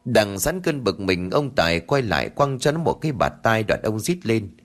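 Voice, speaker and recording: Low-voiced male ghost story narrator. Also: moderate pace. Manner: dramatic, expressive reading.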